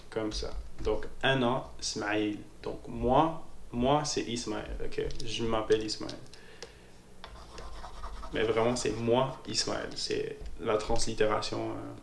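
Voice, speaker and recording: A man walks learners through a casual spoken lesson at an unhurried pace, his voice carrying a gravelly edge. He hesitates, repeats himself, and keeps checking in with "ok?". The room is echoey, with faint background noise and keyboard clicks. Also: lowish voice, steady tone. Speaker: Moroccan Arabic teacher.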